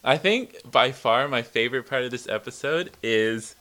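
A man co-hosts a casual podcast and often answers his partner with quick laughs. His voice is bright and mid-pitched, and it moves about in a lively way. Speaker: podcast co-host. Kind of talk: casual chat.

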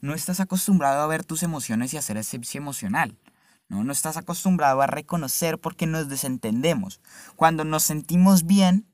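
A man's voice: on the high side, animated, fairly quick, dry recording. A young man talking casually and reflectively to the camera, swearing freely and often checking in with the listener. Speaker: vlogger.

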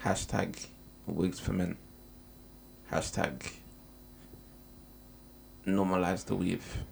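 A low, creaky-voiced young man with a London roadman accent. He banters casually in heavy slang and keeps turning points into repeated slogans. There is noise and hum on the recording. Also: little pitch movement, drawn-out words, darkish tone. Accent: London, urban roadman slang. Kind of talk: casual banter between friends.

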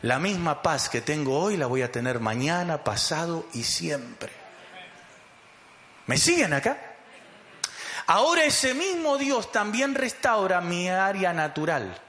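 A man's voice: a little high, sharp tone, echoey room. A man preaching a sermon as pastor, emphatic and calling the congregation to repeat after him.

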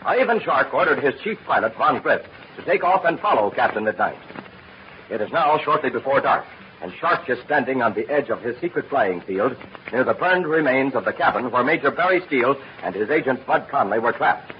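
A man's voice: mid-range voice, expressive, a little fast. A man announcing and narrating a scripted 1940s radio serial with emphatic, theatrical enunciation. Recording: muffled old radio recording, faint noise.

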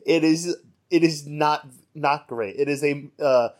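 A man's voice: a little high, unhurried, a little mellow. A man co-hosting a casual podcast chat, rambling with frequent ums and amused asides. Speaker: podcast co-host.

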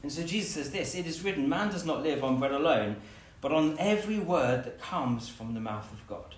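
A man preaching a lively sermon, acting out scenes with playful voices. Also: a little high, a little fast. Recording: echoey room, from a distance.

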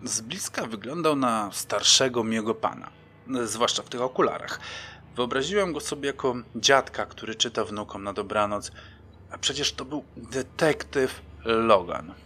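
A man's voice: on the low side, sharp tone. A man reading a first-person audiobook in a wry storytelling manner. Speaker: audiobook narrator.

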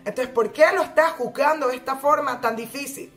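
Una mujer que da una clase religiosa semanal para mujeres, con tono serio y explicativo, y que enfatiza las citas que relata. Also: female voice, sits high, a little fast, a bit bright, soft background music. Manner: earnest, explanatory, leans into quoted lines. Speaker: Torah teacher for women. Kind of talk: weekly religious lesson.

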